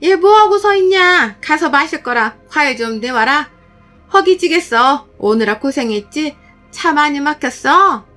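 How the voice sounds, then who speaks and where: A woman's voice: high voice, expressive, unhurried, sharp tone, faint music behind, pitched above the performer's own voice, heavily acted. A woman voicing a domineering middle-aged mother-in-law who scolds and screeches with contempt. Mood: bossy.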